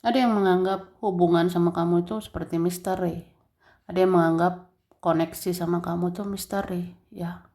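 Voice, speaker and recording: A woman giving a general tarot reading straight to the listener in a relaxed, chatty way, with many fillers and soft laughs. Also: on the low side, moderate pace. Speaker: tarot reader.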